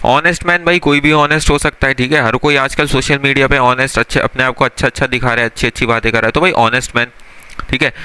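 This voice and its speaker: A man's voice: medium pitch, pushed and bright, clear, resonant tone, dry recording. A young man teaching English grammar in a classroom style, asking his students questions and answering them himself, and calling them son or brother.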